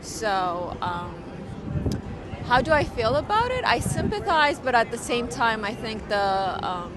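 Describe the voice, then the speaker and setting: A woman from Ethiopia answers questions slowly and hesitantly, filling pauses with ums. She stands outdoors on a city street, with clear traffic noise around her. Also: fairly high pitch, very animated, crowd noise. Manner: hesitant, with many fillers. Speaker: interviewee.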